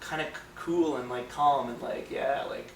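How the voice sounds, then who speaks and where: A man's voice: medium pitch, moderate pace, a bit bright. Rambling male podcast co-host, roomy. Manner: rambling, lots of fillers. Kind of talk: casual film discussion. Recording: roomy, distant mic, faint noise.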